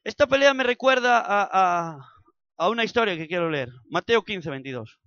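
High-voiced bright man preaching a sermon. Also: expressive, normal speed, no room sound, highs cut off. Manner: dramatizes scripture with sound effects.

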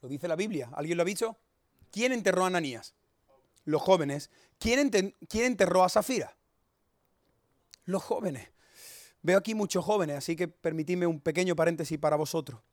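A man preaching, with a high voice. He is fiery and emphatic, and swings from loud warnings of judgement into quick, humorous storytelling. The sound is close and dry. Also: no echo. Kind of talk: sermon.

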